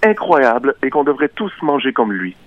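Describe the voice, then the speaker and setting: A man playing a pompous, self-styled male culinary expert who phones in to a morning radio show with mock-serious, deadpan reviews. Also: mid-range voice, normal speed, dry recording, muffled recording, lightly acted. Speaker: caller.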